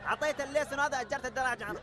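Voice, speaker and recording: A man's voice: extremely high pitch, racing, crowd noise. A man, insistent and confronting, repeating his demands.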